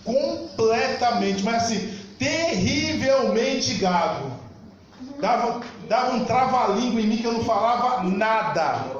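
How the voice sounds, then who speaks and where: A man with a Brazilian Portuguese accent preaching a sermon in a church, talking fast and emphatically and rising at times to shouts. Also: very high voice, animated, highs cut off. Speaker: pastor. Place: church hall. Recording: echoey church hall.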